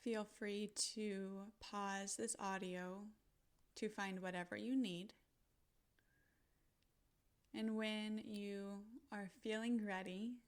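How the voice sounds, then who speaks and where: This is a gentle, soothing guided visualization read by a woman at medium pitch, who lets deliberate pauses fall between her short phrases.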